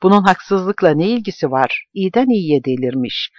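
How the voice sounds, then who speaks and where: A man voicing an agitated middle-aged man who shouts and pleads with a friend. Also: sits high, animated, moderate pace, no room sound, dull audio, pitched above the performer's own voice. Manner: shouting, trembling with anger.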